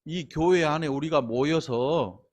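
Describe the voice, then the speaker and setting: Folksy pastor with a lilt. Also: male voice, fairly high pitch, measured pace, darkish tone. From Honam region of Korea. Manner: folksy, teasing the congregation with asides and questions. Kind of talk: sermon.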